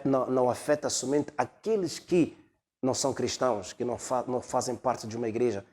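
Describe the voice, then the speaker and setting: Hesitant preacher man, drawn-out fillers. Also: mid-range voice, a little mellow. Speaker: pastor. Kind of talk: sermon.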